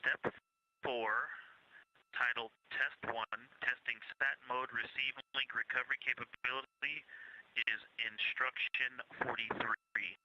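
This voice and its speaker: A man's voice: mid-range voice, little pitch movement, takes it slowly, sharp tone. Man on a muffled space radio link. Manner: clipped, methodical. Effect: space-to-ground radio link. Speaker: astronaut on a spacecraft. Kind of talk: terse procedural radio calls.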